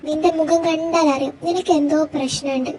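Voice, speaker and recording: A woman's voice: high voice, fairly even intonation, fairly quick, dark tone, lightly acted, rough recording. A woman voicing a caring young best friend in a fan fiction audio story, pressing for answers and offering reassurance. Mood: concerned.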